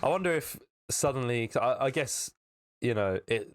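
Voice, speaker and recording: A man's voice: mid-range voice, lively intonation, normal speed. A man co-hosting a podcast, chatty and rambling, laughing often. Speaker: podcast co-host. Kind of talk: casual chat.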